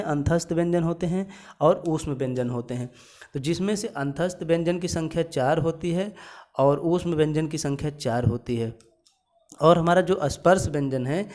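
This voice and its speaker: This is a teacher's exam-prep session, delivered by a man whose voice runs high and a little mellow. He breaks each exam question into steps, answers the questions he raises himself, and says every answer twice.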